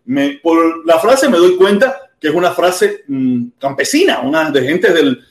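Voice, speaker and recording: A man's voice: on the high side, sing-song, a little slow, reverberant. A young man from Havana with a Cuban Spanish accent, hosting a live podcast and telling a story in casual chat, acting out both sides of an argument. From Cuba. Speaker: podcast host.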